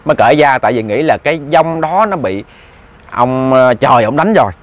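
In a casual, chatty way, a man tells a ghost story straight to his listeners, repeating words as he goes. His voice is medium-pitched and animated, moving at a moderate pace.

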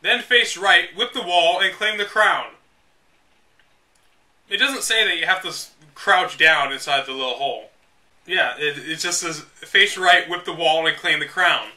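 A man hosts a dramatic read-aloud of a game guide, interrupting himself with casual, sarcastic, exasperated commentary. His voice is on the high side, unhurried, pushed and bright, and was recorded from a distance.

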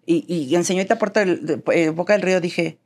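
A woman's voice: on the low side, a little fast. A Mexican woman with a neutral accent, a guest in an interview, telling her story animatedly and acting out the dialogue. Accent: neutral Mexican Spanish. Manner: animated, acts out quoted dialogue.

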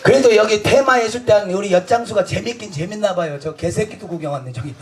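A man's voice: high-pitched, fast talker, a crowd in the background. A man performing festival stage comedy, boisterous and crude, bantering with the audience and laughing through his lines.

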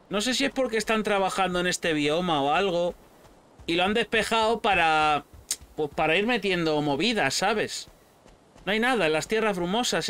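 A man with a Spain Spanish accent giving casual, excitable gameplay commentary, shouting at pets and swearing freely. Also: high-pitched, clean tone. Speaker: gaming channel host.

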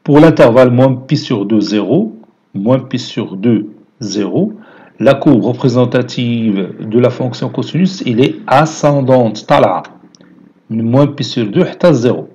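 Brief: Moroccan male math teacher, husky voice, patient step-by-step explanation. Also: mid-range voice, unhurried, mellow, muffled recording. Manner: explains step by step, mixing French with Moroccan Arabic. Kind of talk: lecture.

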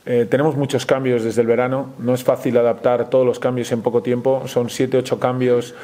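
A Spanish-accented basketball coach fields questions at a post-game press conference, answering in a measured way with many hesitations and restarts. His mid-range voice has a dark tone and a flat delivery.

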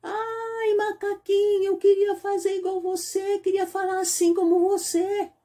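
Woman storyteller as a tiny eager duckling boy; very high, soft and mellow, pleading. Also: flat delivery, unhurried. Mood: longing.

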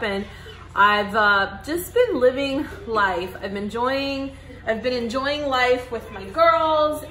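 A family vlogger in her thirties chats upbeat to her phone camera, held at arm's length, while cooking in her home kitchen for a casual cook-with-me vlog. Her voice is a little high, bright and forceful. The audio is low quality with a bit of hiss or hum.

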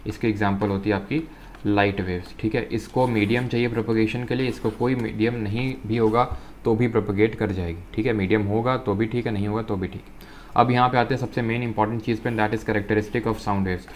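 A man. He reads textbook lines word by word, then explains them in a patient, repetitive way. A faint hiss runs under the recording. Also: on the low side. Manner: reads English text slowly, explains in Hindi with frequent "ठीक है". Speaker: physics teacher. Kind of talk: exam-prep lecture, reading textbook aloud then explaining.

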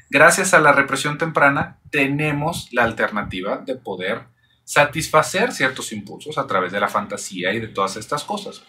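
A man's voice: mid-range voice, pushed and bright, slightly rough. A man hosts a psychology channel. He gives a thoughtful explanatory monologue full of rhetorical questions.

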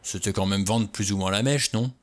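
A man narrating an audiobook voices a stubborn, suspicious middle-aged character who speaks bluntly and gruffly. His own voice is on the low side, a little fast, and lightly acted.

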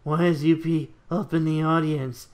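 An amateur reader voicing a cool, confident male rival racer in a fan-fiction reading, with a mostly flat delivery. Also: medium pitch, moderate pace, pitched below the performer's own voice, natural voice. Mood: irritated.

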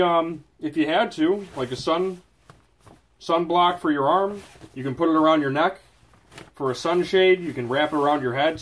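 A man with a slightly high voice reviews a product casually and off the cuff from his desk indoors, frequently correcting himself mid-thought in a chatty way. The audio quality is poor.

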